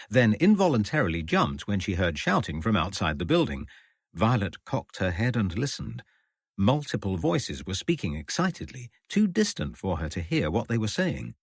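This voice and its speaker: A man reading an audiobook in an expressive, measured storytelling manner. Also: fairly low pitch, slightly rough, no echo, studio quality. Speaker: audiobook narrator. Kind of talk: scripted narration.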